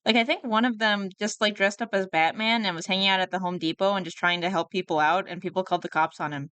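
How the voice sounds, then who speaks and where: A woman's voice: medium pitch, fairly even intonation, quick pace, a bit bright, smooth, no room sound. A woman live streamer giving casual reaction commentary in a rambling, musing way. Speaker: VTuber streamer reacting to a video.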